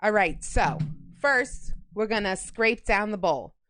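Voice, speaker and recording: A woman's voice: medium pitch, expressive, slow, fairly bright tone. A woman from New York with a Long Island accent, chatting casually with viewers while she bakes on a livestream, greeting people by name and rambling through asides. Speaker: livestreamer baking on stream. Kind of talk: casual chat while baking.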